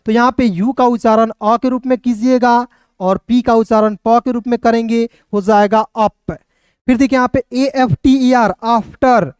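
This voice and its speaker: A man teaching an online phonics lesson, breaking words into letters and then sounding them out slowly. His voice is smooth and clear, recorded close and dry with no room sound. He keeps turning to his viewers and checking that they follow. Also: extremely high pitch, fairly even intonation, darkish tone, no room sound. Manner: keeps addressing viewers as friends and checking with "okay". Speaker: English teacher.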